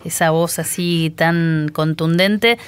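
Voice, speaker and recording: A woman radio host with a Rioplatense accent, asking halting questions full of fillers in a studio interview. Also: sits low, fairly even intonation, clear, resonant tone, no echo. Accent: Rioplatense Spanish.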